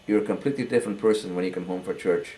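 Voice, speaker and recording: An older man giving a halting, earnest personal testimony, often repeating words as he goes. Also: low-pitched, dark tone, slight background noise, low-quality recording. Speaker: interviewee.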